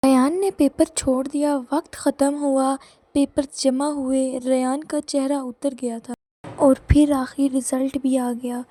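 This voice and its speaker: A woman narrating a moral story for children in a calm storybook manner. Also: high voice. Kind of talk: scripted narration of a moral tale.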